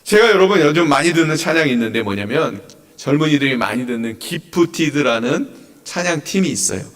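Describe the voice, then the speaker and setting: A man preaches to his congregation in an animated way and keeps asking them questions. His voice sits a little high and rises and falls a lot. The sound carries the long echo of a church hall. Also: a little fast, far from the mic. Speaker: pastor. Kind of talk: sermon. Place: church sanctuary.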